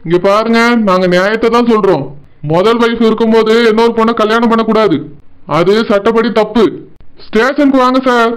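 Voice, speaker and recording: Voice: medium pitch, steady tone, brisk, clean tone, natural voice, rough recording. A voice actor playing a stern village police officer who lectures firmly. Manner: firm, lecturing.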